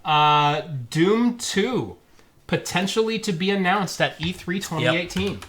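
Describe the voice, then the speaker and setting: A man with a high, slightly bright voice hosts a casual tech podcast, speaking a little slowly into a close desk mic with slight background noise. Still getting over a cold, he sniffles and chats in a laid-back, jokey way, full of fillers.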